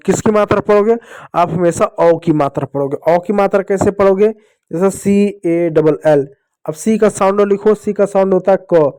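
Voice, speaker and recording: High-voiced man teaching kids phonics. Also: dark tone. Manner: patient, repeats and asks the children questions. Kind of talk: children's phonics lesson.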